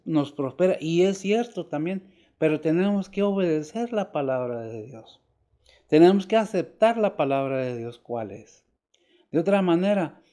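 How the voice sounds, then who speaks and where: Older man, pastor, sermon, slightly high voice, warm low-bright tone, rhetorical questions. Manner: rhetorical questions, emphatic rises and quiet drops.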